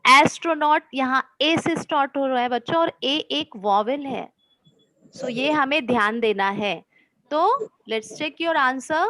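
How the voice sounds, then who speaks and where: Patient woman teacher, slow careful speech. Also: high-pitched, animated, sharp tone, dry recording, rough recording. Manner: slow, careful explanations mixing Hindi and English; encouraging, patient. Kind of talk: online English grammar lesson for children.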